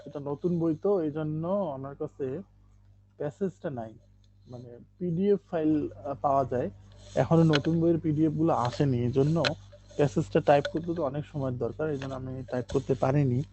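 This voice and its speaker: A man teaching English in an online live class. He explains step by step with many okays, and reads English lines out slowly to drill pronunciation. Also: on the high side, warm tone, rough recording.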